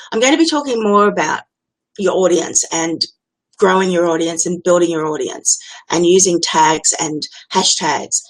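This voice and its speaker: Woman, Australian accent, somewhat low pitch, frank, chatty, live-stream business coach. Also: rough recording. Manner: candid, chatty and blunt. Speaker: business coach hosting a Facebook Live challenge. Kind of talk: unscripted live-stream talk.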